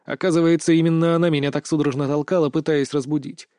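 A man's voice: on the high side, fairly even intonation, fast, darkish tone, no room sound, clean studio sound. A man narrating first-person fiction as an audiobook reader, in a wry, smug manner.

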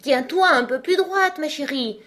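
A woman's voice: high-pitched, measured pace, fairly bright tone, pitched above the performer's own voice. A woman voicing Alice, a curious, chatty young girl who fondly scolds her cats in a storybook reading. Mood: playful.

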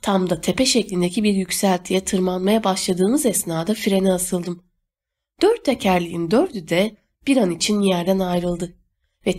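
A woman narrating an audiobook in a steady, scripted storytelling read. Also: medium pitch.

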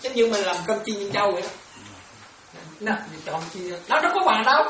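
A woman's voice: medium pitch, expressive, fast talker, a crowd in the background. A woman, a Buddhist monastic teacher leading a dharma class on Pali terms, who repeats herself and keeps asking if her students follow. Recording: echoey room from far off, ambient noise.

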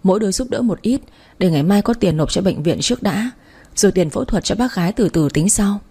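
A woman voicing a caring young female university friend who urges and reassures in a practical way, in a storybook reading, with a husky voice. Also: mid-range voice, lively intonation, a little fast, warm tone. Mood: urging.

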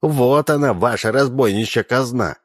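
A man voicing a shrill, indignant young Persian princess in a storybook reading, shouting her lines. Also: normal speed, dry recording, clean studio sound, natural voice.

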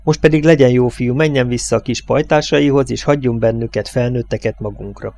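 A man voicing a gruff, commanding old oil company boss in an audiobook. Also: mid-range voice, fairly even intonation, darkish tone, close to an everyday voice. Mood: dismissive. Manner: curt, commanding.

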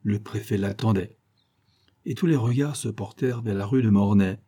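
A man reading a detective novel aloud in a measured storytelling manner. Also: lowish voice, dark tone, husky. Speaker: audiobook narrator. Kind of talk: scripted narration.

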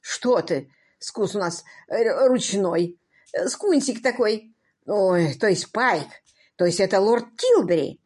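A woman voicing a jovial, worldly older gentleman who talks in a breezy, teasing way. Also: medium pitch, animated, takes it slowly, breathy edge.

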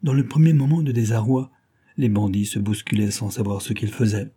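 A man narrating an adventure novel in a steady, even way as an audiobook reader. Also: lowish voice, a little fast, slightly rough. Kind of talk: scripted narration.

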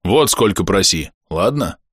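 A man voicing a boisterous fanged male clan treasurer who talks loudly and gushes with excitement. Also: sits low, measured pace, slightly rough, no room sound, studio quality, full character voice. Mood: pleading. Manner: loud, excited, gushing.

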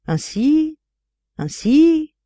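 A woman reading an audiobook voices a kindly, effusive old gentleman father, emphatic and solemn in his blessings. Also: on the low side, very animated, moderate pace, no room sound, studio quality.

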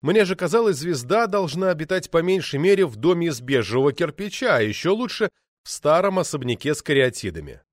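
A man narrating an audiobook in an ironic, lively storytelling manner. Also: fairly high pitch, fairly quick, dry recording, studio quality.

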